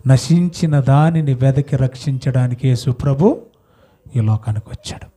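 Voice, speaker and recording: Mid-sermon, a male pastor narrates a story and asks questions that the congregation answers out loud, his delivery shifting from loud to soft. He speaks at a medium pitch and moderate pace, with a breathy edge to his voice.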